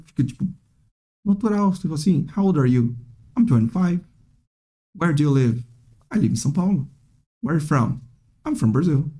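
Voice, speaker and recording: A man with a mellow voice on the high side gives a casual English lesson, chatting away on his own. He often closes phrases with "né?" and imitates hesitant students.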